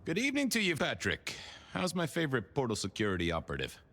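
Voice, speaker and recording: An actor playing a genial old vampire detective in the manner of a 1930s beat cop, courtly, wordy and wry in a noir video game. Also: male voice, mid-range voice, huge pitch swings, quick pace, a bit bright, full character voice. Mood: wry, chummy.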